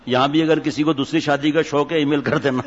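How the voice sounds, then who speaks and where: A man's voice: on the high side, fairly even intonation. A man, a cleric giving a humorous sermon in a mosque, teasing his audience with jokes and stories. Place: mosque hall. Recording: echoey hall, dull lo-fi sound.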